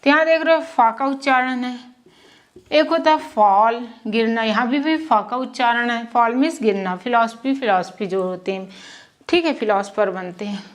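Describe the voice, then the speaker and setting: Woman teacher going over letter sounds on a whiteboard, higher voice, slow repeats. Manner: repeats sounds slowly, asks and answers her own questions. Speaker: English teacher. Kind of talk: whiteboard lesson in Hindi. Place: classroom with whiteboard.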